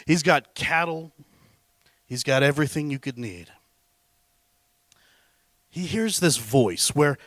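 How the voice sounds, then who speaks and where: A man giving a storytelling speech at a competition, dramatic and swinging between loud declarations and hushed asides. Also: a little high, no room sound. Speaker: public speaker.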